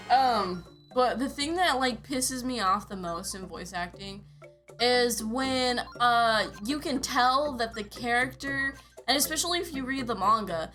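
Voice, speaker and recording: A young woman in casual gaming-stream chat, animated and swearing as she makes her points. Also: fairly high pitch. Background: game music.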